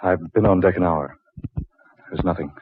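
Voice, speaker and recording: A man's voice: deep voice, moderate pace, husky, dry recording. A man playing an intense, anxious, insistent reporter at sea in an old-time radio drama, with a thin AM radio sound. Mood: insistent, argumentative. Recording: tinny, noisy old AM radio recording.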